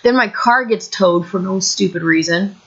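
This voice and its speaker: Here a woman in her early thirties from Illinois rants for her personal vlog from a couch at home, meandering, exasperated, and self-deprecating. She speaks at a moderate pace with a medium-pitched, breathy-edged voice, captured on dull audio.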